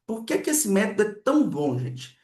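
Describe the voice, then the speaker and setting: A man's voice: high-pitched, wildly swooping pitch, moderate pace, a little mellow. A man, teaching how letters map to sounds. He often asks "né" and acts out each sound. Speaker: literacy teacher. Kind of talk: explanatory lesson with sound demonstrations. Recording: echoey room.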